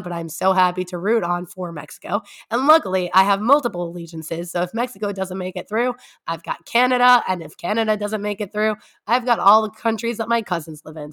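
A young woman talks as a podcast co-host in a conversational way. Her voice is hoarse and raspy, worn down by a cold until it is nearly gone. The pitch sits in an ordinary middle range for a woman. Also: a bit bright. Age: young adult.

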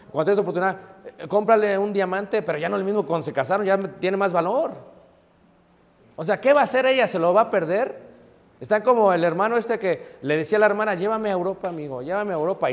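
A Mexican man preaches in a lively, conversational way, throwing questions out to his congregation. His voice sits a touch higher than most men's. A long reverb from the church hall trails behind him. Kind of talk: sermon.

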